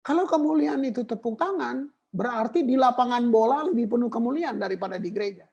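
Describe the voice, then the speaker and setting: A woman preaching a sermon on worship, emphatic and animated, mixing in English terms. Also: on the high side, fairly quick, husky, highs cut off.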